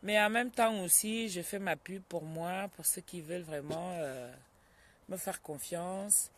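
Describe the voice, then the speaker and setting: A woman with a lowish voice and measured delivery is live streaming casually from home, welcoming viewers by name. Every so often she breaks away to calm down a child.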